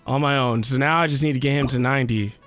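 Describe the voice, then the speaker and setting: A man hosts a casual livestream while playing a video game, rambling and thinking aloud to his viewers over game music. His mid-range voice has a steady tone, a quick pace, and a fairly bright quality.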